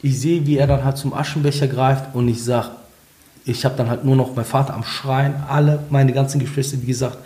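A young man tells his own story in an earnest, halting way, often breaking off and starting again. His voice sits at a middle pitch. He speaks conversationally, as a guest talking with an interviewer. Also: steady tone, warm tone, reverberant. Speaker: guest sharing a conversion testimony. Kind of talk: personal testimony in conversation.

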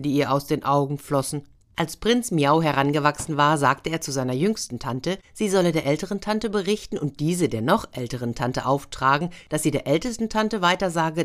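A woman narrating a fairy tale in a gentle, expressive storytelling manner. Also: deep voice. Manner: gentle, expressive storytelling, brief voices for figures.

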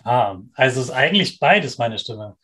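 A man's voice: mid-range voice, expressive, normal speed, sharp tone. A man hosting a children's podcast, friendly and restating the answers from a child's point of view. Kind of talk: interviewing for children.

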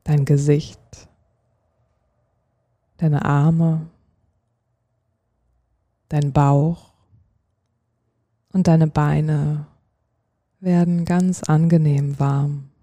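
A sleep-story narrator with a very dark, soft-edged voice leads a guided relaxation. The delivery is slow and soothing, with long pauses between short phrases. The pitch stays even and settles into a gentle creak. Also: no echo.

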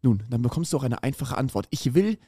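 A man voicing a sinister shapeshifter who threatens in a low, hushed voice. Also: lively intonation, quick pace, slightly rough, no room sound, clean studio sound. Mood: menacing.

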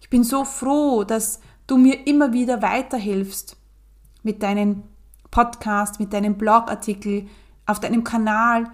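A worn-out young mother opens up to a trusted friend, confiding and hesitant, pausing as she searches for words, played by a woman. Her voice sits fairly high. She speaks slowly. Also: steady tone, lightly acted. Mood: hopeful. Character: weary, struggling young mother and client.

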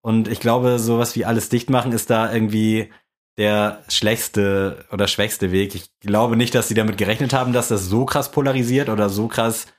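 Chill young dude rambling on a podcast, lowish voice, lots of slang. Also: male voice, fairly even intonation, normal speed. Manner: laid-back, rambling, with colloquial slang. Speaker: podcast co-host. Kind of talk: casual chat.

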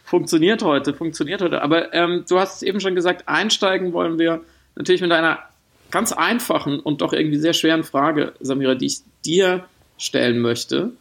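A man with a gravelly, slightly raised voice co-hosts a relaxed podcast chat. He talks in long, searching sentences and keeps breaking off to rephrase. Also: fairly high pitch, a little fast. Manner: thoughtful, wordy, with frequent restarts and laughs. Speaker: podcast co-host. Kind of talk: casual podcast conversation.

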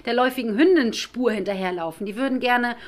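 A woman's voice: fairly high pitch, quick pace. A woman, a dog trainer from northern Germany, co-hosting a podcast and talking emphatically, often tagging her points with "ne?". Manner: emphatic, opinionated, tags lines with "ne?". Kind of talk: casual podcast chat.

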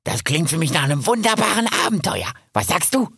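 Storybook squirrel, bossy young male, bright and husky, very animated, read by a man. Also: on the high side, fairly quick, dry recording, clean studio sound, exaggerated voice. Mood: cheerful. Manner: lively, chatty, persuasive.

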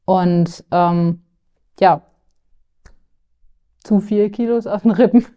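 A woman's voice: mid-range voice, slow pace, muffled recording. A young woman from northern Germany, speaking candidly as a client in a podcast interview, with filler sounds and restarts. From Lower Saxony, Germany.

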